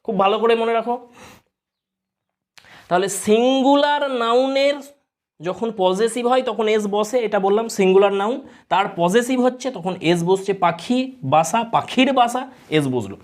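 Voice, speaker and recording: Bengali-accented woman teacher, fairly high voice, patient exam-prep explainer who quizzes the class. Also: moderate pace, a little mellow. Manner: explains step by step, asks students rhetorical questions. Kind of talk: exam-prep grammar lesson.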